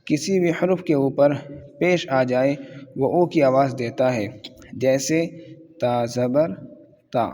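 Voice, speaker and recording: A man's voice: medium pitch, a little mellow, a little hiss or hum. A man teaching an Urdu reading lesson, patiently drilling syllables one by one in a methodical way. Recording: long reverb on the voice.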